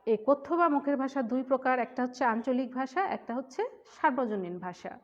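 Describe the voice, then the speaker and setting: A woman's voice: sits high, a little fast. Woman teacher explaining grammar, muffled. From Khulna region of Bangladesh. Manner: explains step by step, repeats points, asks the class questions. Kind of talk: classroom grammar lesson. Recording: dull, muffled lo-fi sound.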